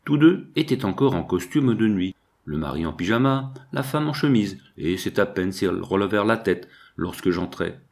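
A man narrating a classic novel in a measured audiobook manner. His voice sits on the low side. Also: lively intonation, gravelly, a little mellow.

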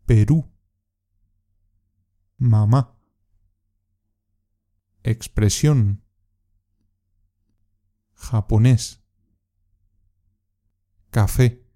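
Slow, dark-voiced man teaching pronunciation. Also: medium pitch. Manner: measured, pauses for repetition. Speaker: Spanish teacher. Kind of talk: slow scripted pronunciation lesson.

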